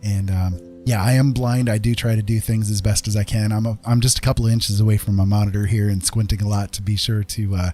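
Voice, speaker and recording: Game music plays as a man hosts a casual livestream, rambling and thinking aloud while chatting with viewers as he plays. He talks quickly with few pauses, in a low, level, dark voice.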